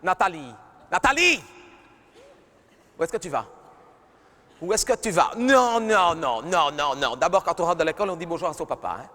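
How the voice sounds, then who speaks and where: A man's voice: fairly high pitch, expressive, normal speed, long pauses, bright, forceful tone. Man playing a nagging mother. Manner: fussing, nagging, repeating herself. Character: nagging middle-aged mother scolding her daughter. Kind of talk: live stand-up sketch. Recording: reverberant live arena recording.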